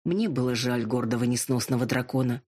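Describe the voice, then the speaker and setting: An audiobook narrator reading a first-person story in an even, measured manner. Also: medium pitch, husky.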